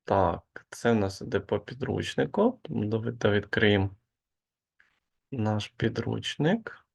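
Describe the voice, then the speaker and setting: Slow, gravelly male language teacher. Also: on the low side, animated. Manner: slow, patient explaining with hesitant fillers. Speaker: Spanish teacher. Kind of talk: online grammar lesson.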